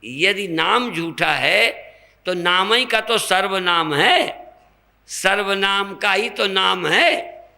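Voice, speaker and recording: Speaking very slowly, an older swami delivers an animated spiritual sermon, posing rhetorical questions and giving examples to teach his listeners. His voice is gravelly and fried at the edges, with a bright, forceful tone somewhat higher than the typical man's.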